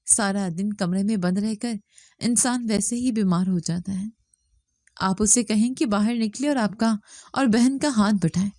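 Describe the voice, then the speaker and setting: A woman's voice: medium pitch, dark tone, no echo, clean studio sound, lightly acted. A woman voicing a young husband abroad who speaks tersely and insistently. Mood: frustrated. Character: young husband working abroad, frustrated and suspicious.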